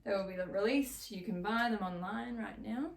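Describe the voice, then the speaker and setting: A woman's voice: medium pitch, moderate pace, creaky, roomy sound, far from the mic. A young Australian woman vlogging in casual, chatty talk, gushing and full of "like". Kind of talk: casual chat.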